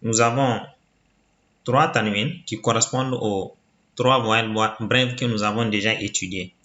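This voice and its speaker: A man teaching a reading lesson in a slow, deliberate way, patiently repeating each sound for the learner. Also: on the low side, steady tone, bright, forceful tone. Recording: muffled, roomy recording.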